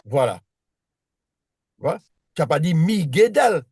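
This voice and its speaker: A man's voice: on the high side, sing-song, measured pace, vocal fry, darkish tone, slightly rough, dry recording, studio quality. A man teaching a one-on-one reading lesson, patient and repetitive, often restarting his sentences. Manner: patient, repeats himself, many restarts.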